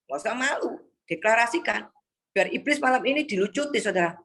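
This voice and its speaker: A woman's voice: fairly high pitch, expressive, brisk, a bit bright. A woman preaching an exhorting sermon to a congregation on a video call, often calling the listeners "Saudara".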